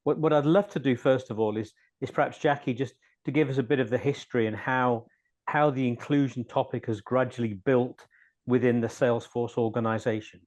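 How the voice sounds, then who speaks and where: A man's voice: medium pitch, fairly even intonation, fairly quick, a little mellow. A man hosting an interview, chatty and joking, often repeating his words. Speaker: host. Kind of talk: hosted interview.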